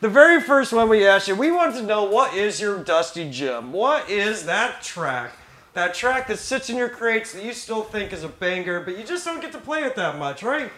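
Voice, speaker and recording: Bright, high-voiced stammering male host. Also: sing-song, normal speed, reverberant. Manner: stammering, restarts often, laughs between lines. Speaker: radio show host. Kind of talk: casual chat interview.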